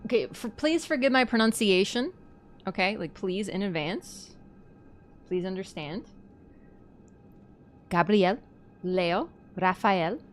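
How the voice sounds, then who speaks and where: A young woman from Canada chatting on a live stream, rambling, giggly and quick to apologize. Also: mid-range voice, a little hiss or hum. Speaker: livestreamer. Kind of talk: casual live-stream chat.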